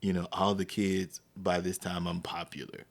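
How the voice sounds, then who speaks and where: This podcast host has a deep, gravelly voice and a moderate pace. He shares a personal story with animation, dramatizing the quotes as he goes.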